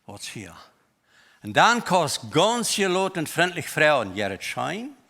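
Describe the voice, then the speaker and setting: A man preaching a sermon in a church, with a Low German accent, mixing German and English words into his talk in an emphatic way. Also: sing-song, measured pace, sharp tone. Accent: Mennonite Low German.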